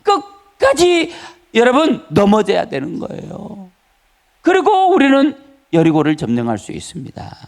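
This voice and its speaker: Preaching a fervent Sunday sermon in the church sanctuary, a male pastor repeats key phrases and calls for the congregation's response. His creaky voice sits high, with huge pitch swings at a normal speed.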